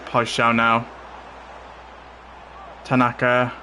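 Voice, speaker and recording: A man's voice: medium pitch, takes it slowly. Male streamer, casual live play-by-play with a faint hum behind. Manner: casual running commentary, bursts of excitement at goals. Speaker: streamer playing a football game. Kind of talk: live gameplay commentary.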